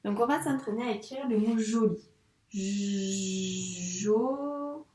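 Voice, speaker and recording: A woman's voice: fairly high pitch, warm tone, a little hiss or hum. Woman teacher guiding a child. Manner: patient, encouraging, talks straight to the child; says sounds slowly while writing. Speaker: primary school teacher. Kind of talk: handwriting lesson for young children. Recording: echoey room, mic at a distance.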